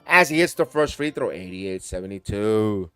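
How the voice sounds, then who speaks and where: A man hosting a live watch-along, calling play-by-play in quick bursts that rise on big plays and talking to chat viewers by name. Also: lowish voice, lively intonation, a bit bright, smooth, faint music behind. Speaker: host and play-by-play caller.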